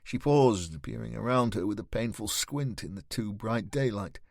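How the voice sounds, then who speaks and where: A man reading a fantasy novel aloud in a measured, steady storytelling manner. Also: lowish voice, creaky, no echo, clean studio sound. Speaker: audiobook narrator. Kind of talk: scripted audiobook narration.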